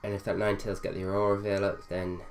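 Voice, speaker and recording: Faint music plays behind a young gaming video host as he talks fast through his own gameplay, thinking aloud with plenty of fillers. His voice sits low, sounds slightly nasal from a cold, and has a flat delivery.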